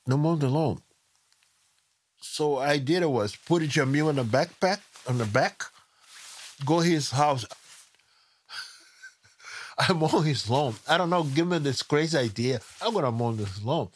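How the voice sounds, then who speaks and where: Brazilian-accented father telling stories. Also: a little high. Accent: Brazilian Portuguese. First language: Portuguese. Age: middle-aged. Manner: broken English, lively storytelling. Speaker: immigrant parent telling a story. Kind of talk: animated family storytelling.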